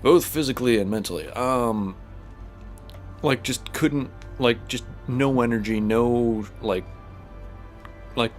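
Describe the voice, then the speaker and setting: Taking it slowly and pausing often, a medium-pitched man talks casually over a space game for his gaming channel. He rambles with plenty of fillers and restarts in a slightly stuffed-up voice, with faint music in the background.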